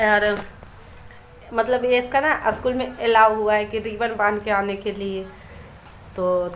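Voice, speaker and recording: A woman chatting in a casual home vlog, often pausing to search for the right word. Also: mid-range voice, a little hiss or hum. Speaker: home vlogger. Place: home in an Indian village.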